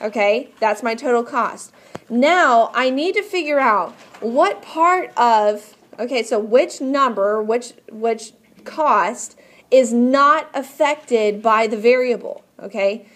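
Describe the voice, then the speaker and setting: Patient woman teacher, higher-pitched voice. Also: lively intonation, takes it slowly, fairly bright tone. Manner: patient, instructive, checks understanding with questions. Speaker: math teacher. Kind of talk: classroom lesson, explaining step by step.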